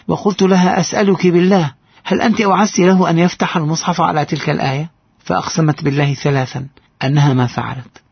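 A man's voice: on the high side, vocal fry, husky, no room sound, lo-fi sound. A man narrating a heartfelt first-person story in an earnest voice.

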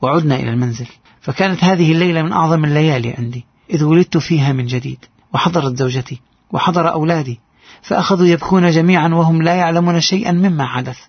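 Man, earnest story narration, quick delivery, gravelly and husky, dry lo-fi sound. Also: fairly high pitch, dry recording. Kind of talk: first-person story narration.

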